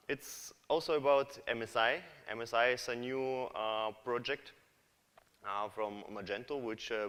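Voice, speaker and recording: A man's voice: lowish voice, fairly bright tone, smooth. Man giving a hesitant conference talk. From Kazakhstan. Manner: hesitant, many fillers and restarts. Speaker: conference speaker, developer. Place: large conference hall. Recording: reverberant hall.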